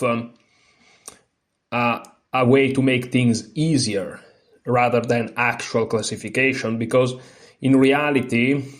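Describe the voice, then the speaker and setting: Speaking in a mid-range voice, this Italian-accented man hosts a chess lesson as a non-native speaker. His reading aloud from a book stumbles with fillers and restarts, but his explanations afterward flow more easily.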